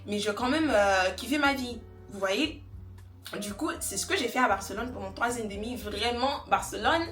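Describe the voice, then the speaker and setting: Doing her makeup on camera, this young Ivorian beauty vlogger rambles through a casual get-ready-with-me chat, laughing frequently. Her medium-pitched voice sounds bright and forceful, and the room gives it a roomy sound.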